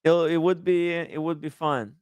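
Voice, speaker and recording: A man in his thirties hosting a casual livestream chat, eager and quick to react with loud exclamations. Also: fairly high pitch, steady tone, smooth, dry recording. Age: 30s. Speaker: livestream host.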